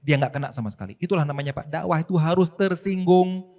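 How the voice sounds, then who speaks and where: A man preaching a sermon at a mosque study gathering, telling stories lively and acting out the people in them. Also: on the high side, fast talker. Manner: animated storytelling, voices the people in his anecdotes, addresses listeners as "Pak".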